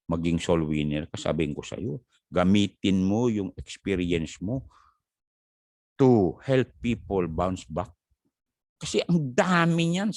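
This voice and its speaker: Filipino-accented man, pastor, sermon, low voice, very lively pitch. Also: dry recording, clean studio sound. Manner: animated, jumps high in pitch to stress points; jokes and talks straight to viewers by name.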